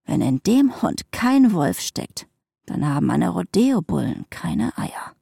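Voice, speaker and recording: A blunt, bullish young rancher from a storybook, complaining in a brash and mocking way, read out by a woman. The voice is dark and mellow, and it sits close and dry with no room sound. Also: lowish voice, sing-song, slow, creaky, breathy edge, no echo, exaggerated voice. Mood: sneering.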